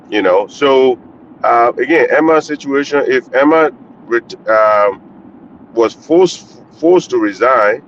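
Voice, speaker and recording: A man calling in on a car speakerphone while driving, giving blunt, candid commentary in a casual call-in style. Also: mid-range voice. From Liberia. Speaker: caller commenting on the news. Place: inside a moving car. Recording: muffled lo-fi phone line with faint road noise.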